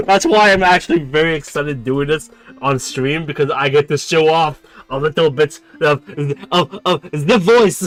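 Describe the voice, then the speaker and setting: A young man streaming a dating game, excitable, laughing often and repeating words as he stammers. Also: a little high. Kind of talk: reading a dating sim aloud on stream.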